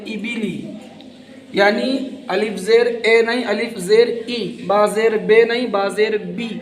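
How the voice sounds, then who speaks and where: A man with an Indian Hindustani accent teaching Quran reading, patiently spelling out letters and repeating sounds step by step. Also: high-pitched. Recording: echoey room with reverb.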